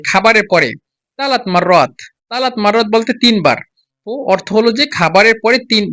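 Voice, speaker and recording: A man teaching a spoken language lesson, repeating each phrase slowly and urging listeners to copy his pronunciation. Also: high-pitched, bright, forceful tone. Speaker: Arabic teacher.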